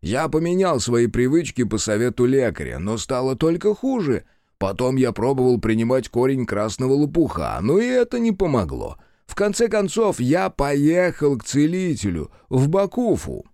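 A man's voice: medium pitch, wildly swooping pitch, normal speed, mellow, no room sound, clean studio sound. A man voicing a fat, fawning character who apologizes and explains himself in a cheerful, obsequious rush of words. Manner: obsequious, bowing and effusive.

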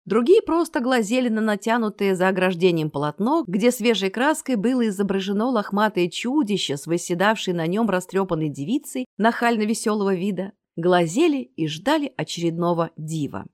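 A woman's voice: medium pitch, lively intonation, a little fast, hardly any pauses, no echo, studio quality. A woman reading a fantasy novel aloud as the narrator. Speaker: audiobook narrator.

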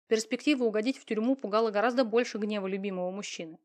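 A woman narrating a romance novel aloud in an expressive, dramatic storytelling manner. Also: medium pitch, rapid-fire. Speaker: audiobook narrator. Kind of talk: scripted narration.

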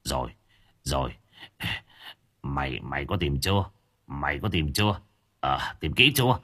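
A man's voice: extremely low pitch, sing-song, normal speed, sharp tone, breathy edge, voice pushed down, exaggerated voice. A man doing a flustered old village man. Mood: alarmed. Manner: flustered, stammering. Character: older village man, anxious and fussy.

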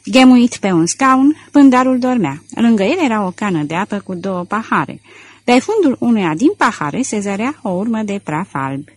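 A woman's voice: medium pitch, big pitch swings, no room sound. A woman narrating a detective novel as an audiobook, reading expressively into a close mic.

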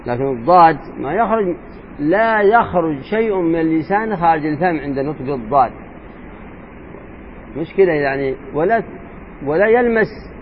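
A man teaching jurisprudence as a sheikh, explaining a text and slowly repeating and demonstrating letter sounds aloud. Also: fairly high pitch, animated. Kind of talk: religious lesson explaining a legal text. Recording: tinny phone-like lo-fi sound with faint noise.

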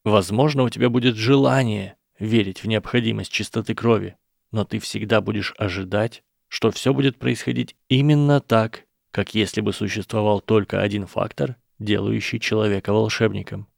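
An earnest young wizard, as a male reader plays him explains his argument slowly and persuasively. His low, gravelly tone stays close and dry, with no room around it. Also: steady tone, a little mellow, dry recording. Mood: reasoning. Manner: measured, persuasive, slow explaining. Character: earnest boy wizard, calm and reasoning. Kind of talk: audiobook character voice.

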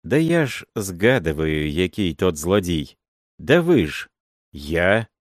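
A man's voice: low-pitched, very animated, takes it slowly, dry recording, studio quality, heavily acted. A man voicing an old working man, swearing wailing oaths of innocence in an audiobook reading. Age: older. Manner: wailing oaths, then gruff threats.

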